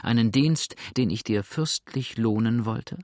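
A man's voice: mid-range voice, measured pace, darkish tone, dry recording, studio quality, lightly acted. Man voicing a firm, pleading lady. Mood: earnest. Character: earnest, determined lady, pleading firmly.

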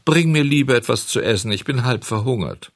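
A man's voice: medium pitch, lively intonation, brisk, no echo. A man reading a storybook and voicing a naughty wooden puppet boy who pleads and grows impatient. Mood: pleading, impatient.

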